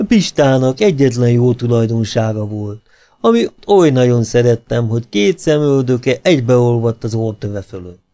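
Reading the part of a coquettish storybook actress, a man lingers on every word in a dusky, mellow voice. Her teasing, playful lines unfold slowly, pitched mid-range with lively intonation and a sound close to ordinary speech.

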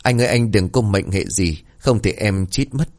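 A man's voice: lowish voice, normal speed, darkish tone, lightly acted. A man voicing a distraught village wife who pleads with her neighbours in a wailing manner.

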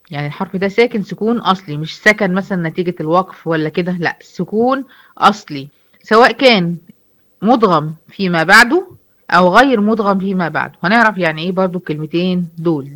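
Woman, Egyptian accent, quick delivery, mid-range voice, online class teacher, quizzes the class and answers herself. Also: medium pitch, fairly bright tone. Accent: Egyptian Arabic. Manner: explanatory, asks the class questions and answers them herself. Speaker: Quran recitation teacher. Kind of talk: online lecture.

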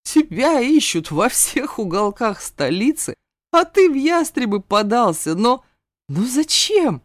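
This is a gruff, stern mentor of young warriors, played by a woman reading an audiobook. He scolds and growls in a hard, clipped voice. The recording is close and dry, with no room sound. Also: low voice, a little slow, darkish tone, dry recording. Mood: astonished.

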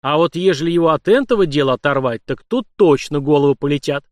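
A man voicing blunt, sly bearded Cossack palace guards with rough folksy speech, in an audiobook. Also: on the high side, animated, fast talker, darkish tone, no echo, studio quality, close to an everyday voice.

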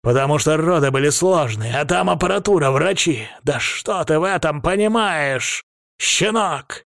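A man voicing an enraged older male crime-family head who barks his lines and turns shrill when he yells. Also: fairly quick, dry recording, clean studio sound, close to an everyday voice. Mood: furious. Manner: barking, shrill when yelling.

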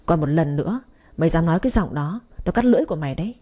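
A man's voice: a little high, animated, rapid-fire, mellow. A woman voicing a hardened male prisoner who gives threatening, clipped orders. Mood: menacing.

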